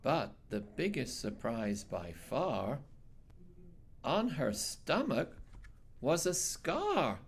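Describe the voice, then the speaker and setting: A man reading a children's picture book aloud in an expressive, measured storytelling style with dramatic phrasing. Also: mid-range voice, husky. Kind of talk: expressive bedtime read-aloud narration.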